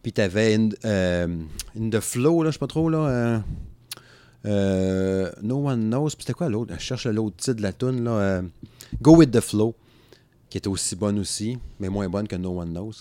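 A man's voice: on the low side, a little slow, dark tone, no room sound. A man in his thirties with a Quebec French accent, rambling casually about music on a podcast and laughing often. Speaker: podcast co-host.

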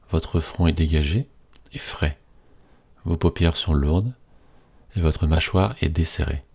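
Slow, deep-voiced male hypnotist-style relaxation guide. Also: gravelly, a little mellow, breathy edge. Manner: slow, soothing hypnotist-like delivery with repetitive phrasing. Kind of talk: scripted guided relaxation narration.

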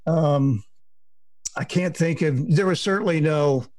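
A man's voice: on the high side, measured pace, darkish tone. Middle-aged man telling sports stories. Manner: rambling storyteller, acts out quotes. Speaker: sports reporter guest. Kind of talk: casual podcast chat.

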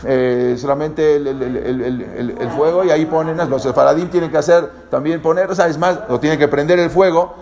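A man's voice: fairly high pitch, fairly even intonation, crowd noise. A man giving a lecture, hesitant and full of fillers and restarts, explaining things directly to his listeners. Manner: halting, many fillers and repeated restarts.

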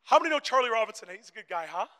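Man preaching, high bright voice, short phrases for an interpreter, shouting at the peaks, long church reverb. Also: big pitch swings, very fast. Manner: builds to shouting crescendos. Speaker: guest preacher. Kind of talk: sermon with live interpreter. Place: church hall. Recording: echoey church hall reverb.

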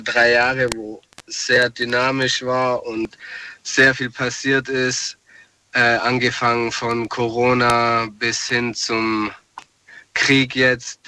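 A man on the phone calls in to a radio show, talking slowly and thoughtfully and pausing to find his words. His voice is bright and a little sharp. The line sounds distant and a soft hiss sits under it. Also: medium pitch. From southwest Germany. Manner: thoughtful, hesitant. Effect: over the phone. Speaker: caller. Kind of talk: call-in radio chat.

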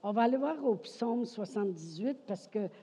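A woman's voice: mid-range voice, expressive, moderate pace, warm tone, husky. A woman pastor with a Québécois French accent preaching an emphatic sermon, often asking "OK?" and saying "Amen". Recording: dull sound with long hall reverb.

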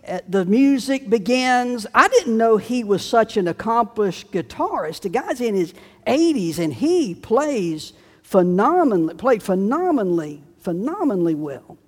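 A man preaching a sermon, telling a story slowly and deliberately before drawing out its meaning. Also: high voice, sing-song. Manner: storytelling, slow and deliberate with dramatic quoted shouts. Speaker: pastor. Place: church sanctuary. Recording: long reverb of a church sanctuary.

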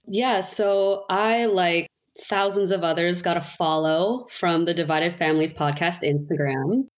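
Woman guest, lowish voice, casual candid storytelling. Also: unhurried. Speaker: podcast guest. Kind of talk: personal storytelling interview.

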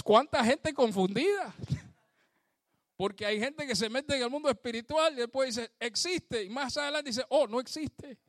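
A pastor with a very high voice preaches a sermon, fervently praising God and putting questions directly to his congregation. The recording is dry and clean, studio quality.

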